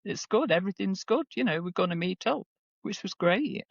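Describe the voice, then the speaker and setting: A woman in her seventies tells a family story as a guest in casual conversation. Her pitch moves a lot, which makes her sound expressive. The recording is dry but dull, with a lo-fi quality. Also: moderate pace, gravelly, slightly rough, no room sound. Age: 70s. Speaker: guest, the stepmother.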